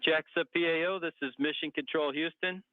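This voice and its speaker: A man's voice: a little high, steady tone, brisk, no room sound. A man working as a mission control communicator, making procedural call-outs over a radio link like a sci-fi communicator. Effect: radio transmission. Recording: narrow phone-like radio link.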